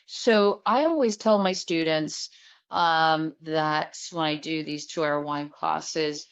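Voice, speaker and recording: A woman's voice: low voice, slow. A woman hosting a casual wine-tasting chat as a sommelier, explaining in a chatty teacher's way. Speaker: sommelier host. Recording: dull lo-fi recording.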